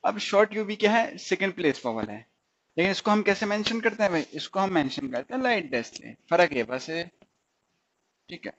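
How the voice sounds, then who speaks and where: A man teaches stenography in a recorded lesson, going step by step, repeating each sound and making sure students keep up. His voice sits high and sounds a bit bright, with a brisk, sing-song delivery. The recording has a dull lo-fi quality.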